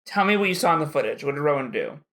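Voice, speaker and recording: A man co-hosting a casual wrestling podcast, arguing his point with quick quips. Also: a little high, sing-song, fairly bright tone. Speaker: podcast co-host.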